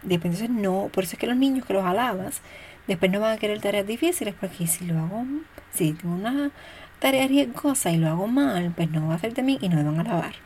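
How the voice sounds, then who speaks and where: A woman talks through parenting ideas in a relaxed, unscripted way, pausing on fillers as she thinks. She slips into quoted voices of parents and kids as examples. Her voice sits at a middle pitch, with faint background noise. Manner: conversational, thinks aloud with fillers. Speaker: parenting educator. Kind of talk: casual spoken talk on parenting.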